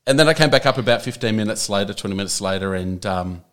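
A man's voice: on the low side, fast talker, fairly bright tone, slight background noise. A man telling a story in casual chat, hesitant and full of fillers, laughing at times.

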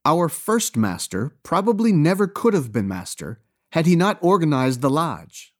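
Male narrator, slightly high, very animated delivery, dry wit. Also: normal speed. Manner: wry, gently ironic storytelling. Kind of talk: scripted storybook narration.

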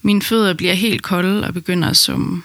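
A woman calmly narrating her own birth story in the first person, in an intimate storytelling manner. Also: fairly low pitch, dry recording.

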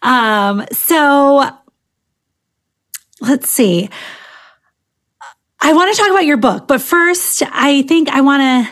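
A woman's voice: high voice, expressive, takes it slowly, pauses often, a bit bright. A woman podcast host asking thoughtful questions and affirming her guest in a casual interview. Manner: attentive, affirming listener.

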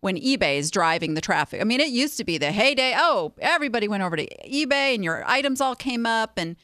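A woman hosting a casual interview chat, animated and given to sarcastic asides. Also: a little high, fast, no room sound, studio quality. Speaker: podcast host.

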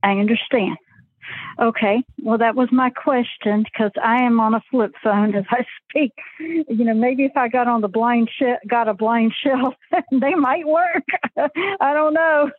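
A woman's voice: a little high, a little slow, husky, dry recording. Woman on a tinny flip phone call. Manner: hesitant, apologetic, fills with "um". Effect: heard over an old flip phone call. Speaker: caller. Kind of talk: call-in question on a talk show.

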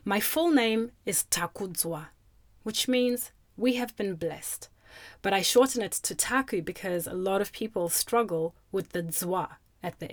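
With a mid-range voice, a cheerful woman from Zimbabwe who grew up speaking Shona presents scripted narration for kids. Her storytelling is lively and expressive, and the sound is dry and close.

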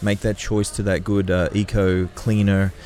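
A man's voice: lowish voice, little pitch movement, normal speed, a little mellow. A man hosting a podcast, summing up keenly and stumbling over his words with repeated restarts. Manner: enthusiastic, stammering restarts. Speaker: podcast host. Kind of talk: casual podcast interview.

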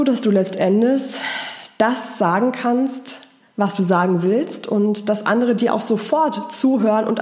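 A woman's voice: medium pitch, mellow, echoey room. A woman voice and charisma trainer, coaching live and answering viewer comments in an encouraging, patient way. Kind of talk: live-stream coaching talk.

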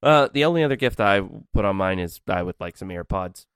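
A man's voice: sits low, animated, brisk, fairly bright tone, clear, resonant tone, no room sound, studio quality. A man co-hosting a podcast, chatting casually, joking and swearing, laughing often. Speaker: podcast co-host. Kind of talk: casual chat.

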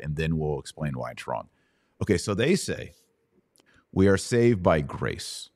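His voice is very deep with a darkish tone: a middle-aged American man hosting a conversational session of Bible questions. He explains step by step and asks brief questions to check that listeners follow. The recording is studio quality, with no room sound.

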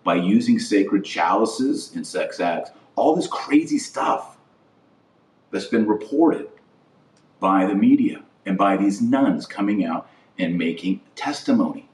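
A man hosts an informal opinion podcast, sounding blunt and indignant and repeating phrases for emphasis. His voice is lowish, with lively intonation and a slow pace. The recording has a roomy echo, and he sits distant from the mic.

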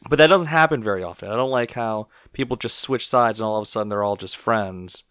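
A man's voice: lowish voice, fast talker, a bit bright, no room sound, studio quality. A man co-hosting a podcast, chatting casually and with strong opinions, often acting out quoted lines as he rambles. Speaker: podcast co-host. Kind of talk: casual wrestling chat.

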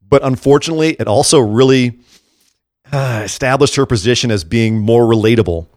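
A man co-hosting a podcast, talking in a casual, animated way about wrestling and laughing easily. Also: mid-range voice, brisk, dry recording, studio quality. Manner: animated, excitable, breaks into laughs. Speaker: podcast co-host.

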